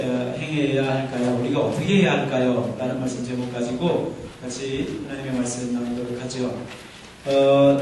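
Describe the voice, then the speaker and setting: A man's voice: medium pitch, background noise. A man preaching a sermon in a church, joking as he talks. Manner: jokey, playful with dialect lines. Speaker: pastor. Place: church sanctuary. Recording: echoey church hall from far off.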